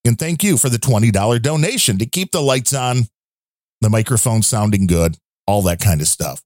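A man's voice: fairly low pitch, expressive, normal speed, darkish tone, dry recording, studio quality. A man co-hosting a podcast, reading out listener donations in casual, rambling chat with wry asides. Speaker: podcast co-host.

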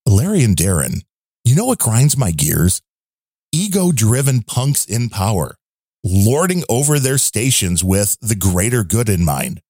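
A man doing a grumbling male letter-writer, read in a lowered, subdued, mock-serious voice. The sound is dry, close and without room echo. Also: very animated, unhurried, mellow, husky, full character voice. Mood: ranting.

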